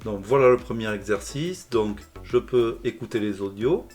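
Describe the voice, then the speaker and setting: A male language teacher calmly explaining a software tutorial step by step. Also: medium pitch, moderate pace, soft background music. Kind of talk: screencast tutorial narration.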